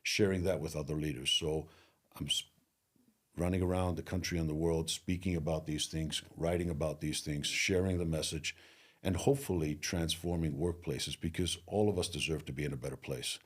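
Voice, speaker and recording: Middle-aged male coach-speaker from Greece. Very deep and husky, earnest and motivational in interview. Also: fairly even intonation. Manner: earnest, motivational, slows down on key phrases. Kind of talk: interview conversation.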